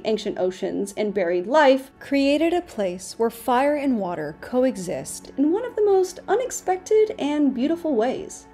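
A young woman reads her science script in an earnest, gently wondering tone, speaking straight to her viewers. Her voice sits a bit high and mellow, with a lively up-and-down melody. She is close on a studio microphone with faint music playing underneath. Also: breathy edge. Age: young adult. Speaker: science video host. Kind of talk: scripted educational narration. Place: small indoor home studio. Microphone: large studio mic in front of her.

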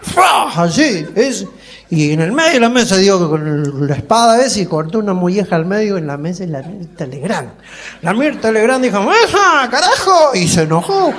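High-voiced rustic man. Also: a little fast. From Mendoza, Argentina. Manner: rambling rustic storyteller, animated high voice. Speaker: comedian in character. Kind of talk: stand-up character monologue. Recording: live show recording with faint noise.

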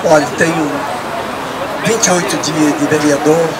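A man's voice: a little high, steady tone, measured pace. A middle-aged man, a newly elected councillor, speaking plainly and emphatically to a crowd with a handheld mic in an outdoor square. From Brazil. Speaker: city councillor. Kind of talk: public speech at a rally. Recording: distant mic, loud crowd and street noise.

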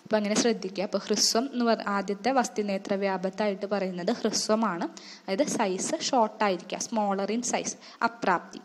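A woman's voice: mid-range voice, steady tone, moderate pace, big-room sound. A young woman giving an exam-focused lecture, explaining each term step by step with English glosses. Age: young adult. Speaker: student tutor.

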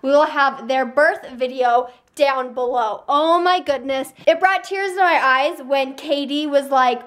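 Bubbly high-voiced young woman vlogging. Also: a bit bright. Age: young adult. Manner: bubbly, chatty, quick to laugh. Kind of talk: casual chat.

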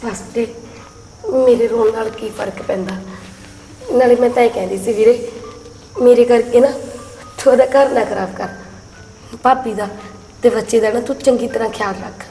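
Grieving young widow, played by a woman; gentle, pleading, a touch high, set in a reverberant room with soft music. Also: fairly even intonation, moderate pace, long pauses, lightly acted. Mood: sorrowful. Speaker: actor in a short film. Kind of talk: melodramatic short-film acting. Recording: echoey room with long reverb.

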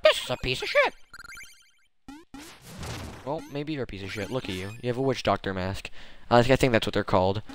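A man playing a video game and talking over it on a home stream, excitable and quick to swear and yelp. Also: medium pitch, a little hiss or hum. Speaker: gameplay streamer. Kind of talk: casual let's-play commentary. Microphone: desk microphone.

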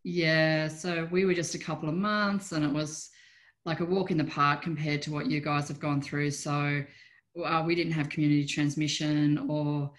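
Middle aged aussie woman, slightly low voice, casual rambly interview chat over video call from home. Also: level tone, normal speed. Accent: Australian. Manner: informal, rambling, trailing off mid-sentence. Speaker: artist interviewee. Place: small room at home, indoors.

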